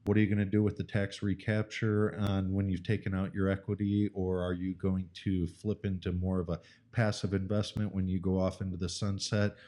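A man's voice: sits low, level tone, brisk, dark tone. A man speaking in a casual podcast chat, hesitant and full of "uh" and "um". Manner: hesitant, many "uh" and "um".

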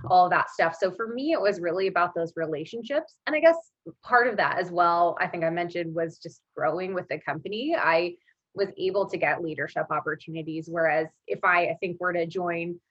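A woman's voice: fairly low pitch, fairly quick, fairly bright tone, breathy edge, no room sound. A woman speaking as a podcast guest in an informal, conversational way, in a casual interview chat with muffled audio. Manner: informal, conversational, frequent 'like' as filler. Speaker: podcast guest, marketing leader.

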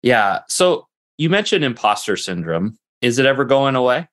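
A man hosting a conversational interview, talking in a reflective, energetic way and often rephrasing himself. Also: medium pitch, moderate pace. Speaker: podcast host.

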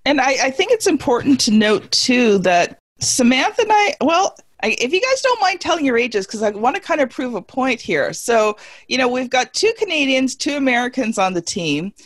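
A woman's voice: sits high, sing-song, normal speed, hardly any pauses, no echo. A woman in her forties talking on a video call in a casual panel chat, emphatic, folksy and self-deprecating. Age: 40s.

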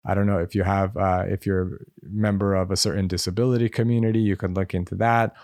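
A man's voice: sits low, little pitch movement, fast talker, darkish tone, no room sound, studio quality. An American man, a medical school admissions advisor, answering interview questions in a conversational way with many fillers. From United States.

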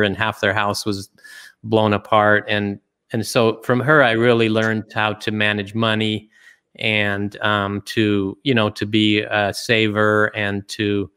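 A middle-aged man from Utah, a guest in a casual interview, speaks reflectively and haltingly, restarting often. His voice is on the low side, a bit bright and smooth.

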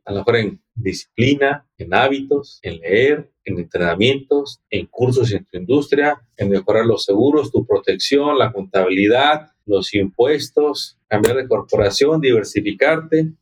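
A man's voice: mid-range voice, husky. A middle-aged man, giving a motivational talk to business owners and asking and answering his own questions. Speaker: business coach, podcast host. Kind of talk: motivational monologue.

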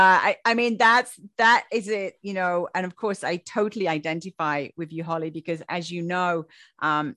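A woman's voice: lowish voice, fairly bright tone, no room sound, studio quality. A woman hosting a podcast interview, chatty and full of praise, with many fillers. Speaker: podcast host. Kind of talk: casual interview chat.

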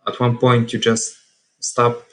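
A man of twenty-nine with a Serbian accent, talking reflectively as an interview guest, often halting and rephrasing his words. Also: medium pitch, monotone, a bit bright. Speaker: podcast guest.

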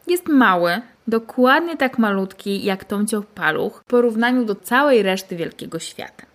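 A woman reading a fairy tale aloud and then reflecting on it in a calm, measured, gently instructive way. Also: medium pitch. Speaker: storyteller and spiritual teacher.

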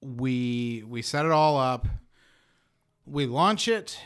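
Slow-talking man with a smooth voice. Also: medium pitch, animated, fairly bright tone. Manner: laughs while telling stories, restarts and fillers. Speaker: podcast guest. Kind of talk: casual conversation, storytelling.

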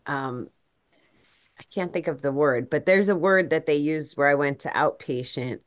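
A woman with a low voice hosts a podcast. She responds to her guest thoughtfully and affirms what the guest says. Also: moderate pace. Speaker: podcast host. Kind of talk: podcast conversation.

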